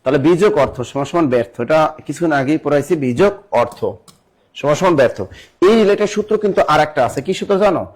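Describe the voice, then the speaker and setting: An animated young man with a high-leaning, darkish voice teaches a live online exam-prep class. He spells out words slowly, quizzes the audience and reads their comments aloud.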